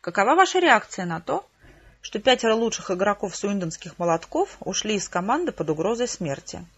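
Audiobook bit part: woman reads a needling, insistent sports reporter, husky, lo-fi. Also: high-pitched, very animated, a little fast, fairly bright tone, exaggerated voice. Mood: pressing. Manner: pressing, insistent questioning. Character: pushy male sports reporter. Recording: slightly muffled lo-fi audio.

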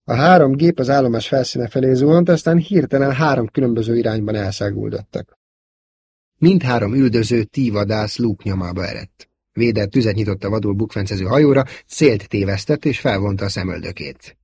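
Brief: male audiobook narrator, low husky voice, dry close sound, steady storytelling. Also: dry recording. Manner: measured storytelling. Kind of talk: scripted narration.

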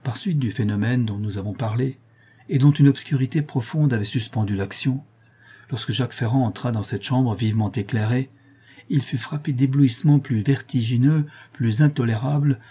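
Brief: man narrating a classic novel, mellow and husky, steady dramatic delivery. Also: mid-range voice, moderate pace. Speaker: audiobook narrator.

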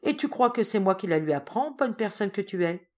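Woman doing a bossy governess, sharp-tongued, commanding, indignant, audiobook reading. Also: mid-range voice, expressive, brisk, pitched above the performer's own voice, close to an everyday voice. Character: brisk, imperious older governess, sharp-tongued.

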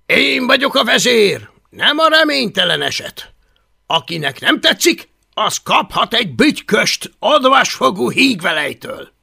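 Man doing a shouting bully Viking boy. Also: very high-pitched, very animated, gravelly, breathy edge, pitched above the performer's own voice, exaggerated voice. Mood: bossy shouting. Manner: shouting, domineering. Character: bossy loud teenage Viking boy bully.

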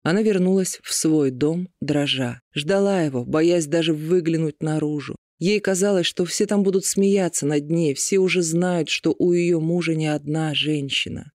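A man narrating an audiobook with even, measured storytelling. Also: fairly high pitch, no room sound, clean studio sound. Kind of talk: scripted narration of a romance novel.

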